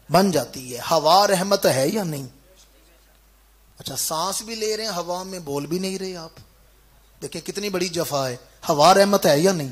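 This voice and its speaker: High-voiced preacher quizzing his crowd. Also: slightly rough. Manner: orator who quizzes the crowd and answers himself; swings between loud chanting and quiet explaining. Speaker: Islamic preacher. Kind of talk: Urdu sermon. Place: gathering in a village.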